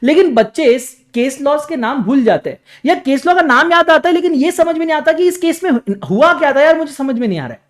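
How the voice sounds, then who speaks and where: A young man, a coaching teacher, giving an energetic, salesy pitch for his new book, with dramatic emphasis. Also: fairly quick, hardly any pauses.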